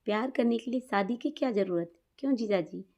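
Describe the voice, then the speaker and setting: A woman's voice: a little high, brisk, mellow, close to an everyday voice. A woman reading as a flirty teasing sister-in-law. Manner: playful, teasing.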